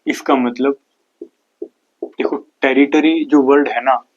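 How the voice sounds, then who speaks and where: A man's voice: mid-range voice, fairly even intonation, takes it slowly, dull audio. A man from India with a Haryanvi accent, teaching an exam-prep lecture, explaining step by step and asking and answering his own questions.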